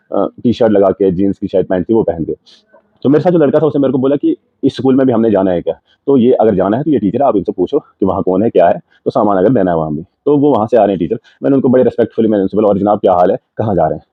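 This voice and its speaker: A man's voice: medium pitch, breathy edge, no echo. A man with a Jammu and Kashmir accent, working as a politician's personal assistant, gives a statement to the press and recounts events step by step. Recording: tinny phone-like line, dry.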